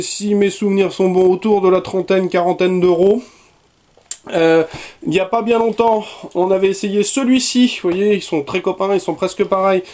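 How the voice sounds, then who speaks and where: A man's voice: high-pitched, darkish tone. A man casually unboxing and reviewing a keyboard, chatty with many fillers and self-corrections. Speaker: product reviewer.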